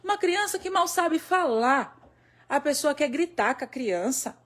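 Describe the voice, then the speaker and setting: Woman pastor, slightly high voice, repetitive and emphatic live-stream sermon. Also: animated, unhurried. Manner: emphatic, repeating phrases, acting out quoted prayers.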